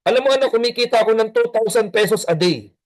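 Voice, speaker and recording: A man voicing a tired, busy businessman father who snaps at his child and then softens. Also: high-pitched, quick pace, pitched above the performer's own voice, lightly acted. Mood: impatient. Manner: impatient, scolding, then soothing.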